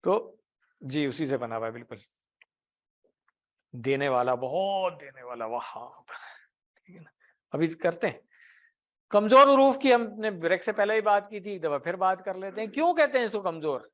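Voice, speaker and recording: A man's voice: high voice, expressive, long pauses, fairly bright tone. Patient Urdu-speaking male teacher. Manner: patient, explains with everyday examples and asks the class questions; often ends points with a tag question. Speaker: Arabic grammar teacher. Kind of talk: classroom lecture in Urdu.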